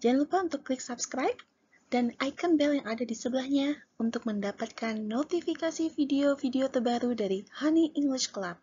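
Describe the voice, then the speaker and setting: High-voiced, breathy woman teaching English. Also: animated, fairly quick, dark tone. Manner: clear, instructive. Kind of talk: language lesson narration. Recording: dull lo-fi sound.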